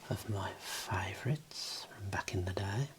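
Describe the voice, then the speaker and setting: Low whispering man, soft ASMR library tour. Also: unhurried. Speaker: host showing own book collection.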